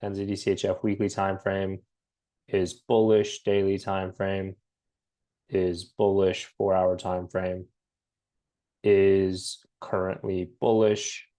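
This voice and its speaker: A man with a head cold walks through trading charts in a relaxed, halting way, full of ums and restarts. His voice sits a little low and carries a slight rasp. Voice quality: raspy. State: has a cold, slightly raspy. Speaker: forex trading analyst. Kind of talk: casual screen-share market breakdown.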